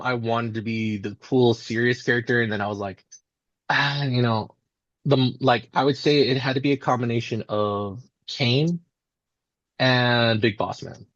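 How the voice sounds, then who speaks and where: A man with a mid-pitched voice talks casually as an interview guest. He rambles enthusiastically and slips into quoted asides. The sound is dry and a little dull. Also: no room sound. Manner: rambling storytelling, acting out imagined quotes. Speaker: independent pro wrestler being interviewed.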